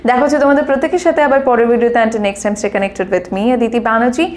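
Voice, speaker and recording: A young woman with a Bengali accent teaching English, reading dialogue lines slowly and explaining them in Bengali. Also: fairly high pitch, animated, a little mellow. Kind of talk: bilingual English lesson.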